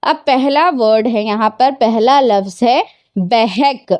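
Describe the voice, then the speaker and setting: A woman's voice: a little high, takes it slowly, darkish tone, no echo. A woman teacher giving a grammar lesson to children, patiently asking questions and answering them herself, mixing English words into her explanations. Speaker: Urdu teacher.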